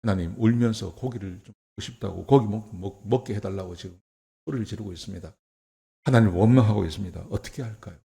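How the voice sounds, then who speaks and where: A man preaching a sermon as pastor, talking conversationally with rhetorical questions and swinging from soft to emphatic. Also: fairly low pitch, fast talker, vocal fry. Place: church.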